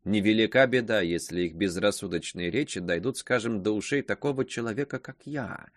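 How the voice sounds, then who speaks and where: A man's voice: on the low side, dry recording, studio quality, lightly acted. A man reading aloud voicing a gossipy old spinster woman who talks in sly, insinuating hints. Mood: sly gossip. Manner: insinuating, drawn-out pauses.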